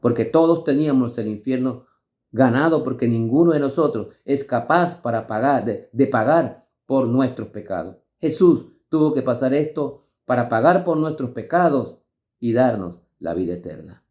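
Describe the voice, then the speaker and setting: A man's voice: mid-range voice, lively intonation, moderate pace, darkish tone. A man preaching as a pastor in a devotional sermon, reading scripture and urging listeners with emphatic, rising stresses. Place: church devotional service.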